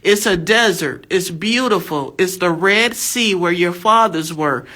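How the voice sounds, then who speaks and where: A woman's voice: on the low side, animated, unhurried, fairly bright tone. An American woman in her fifties giving a fervent religious testimony, emphatic and exhortative, repeating her phrases. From USA. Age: 50s. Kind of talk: fervent preaching monologue.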